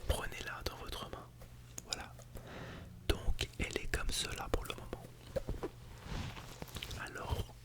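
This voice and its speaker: Whispering man in a teacher role-play. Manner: soft unvoiced whisper with fillers; gently instructing an imagined class. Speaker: ASMR channel host playing a teacher.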